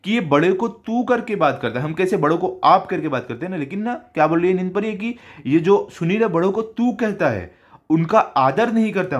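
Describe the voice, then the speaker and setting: Lively male Hindi tutor. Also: a little high. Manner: reads story lines slowly, then explains them in simple words. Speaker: teacher. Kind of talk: explaining a Hindi school lesson.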